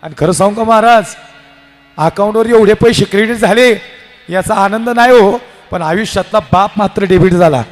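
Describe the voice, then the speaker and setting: High-voiced impassioned male kirtan preacher. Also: moderate pace, faint music behind. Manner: impassioned, storytelling with acted dialogue. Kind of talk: devotional kirtan sermon. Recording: live hall with reverb and instruments.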